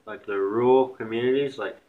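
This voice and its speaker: A man's voice: mid-range voice, steady tone, fairly quick, phone-quality sound. A young man with a slight Southern country accent, rambling bluntly and swearing in a casual vlog rant. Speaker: vlogger.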